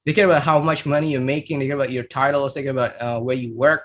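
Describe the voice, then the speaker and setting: Speaking rapid-fire in a level, mid-range voice, an Indonesian startup founder in his thirties shares his life story on a podcast. He sounds reflective, has an Indonesian accent and fills his speech with fillers and repeated words.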